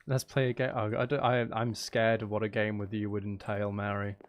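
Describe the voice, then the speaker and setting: In a fairly low, flat, brisk voice with slight background noise, a man hosts a livestream, casually chatting with viewers as he plays a game. His talk mixes gameplay commentary with playful teasing, rambling, and humour at his own expense.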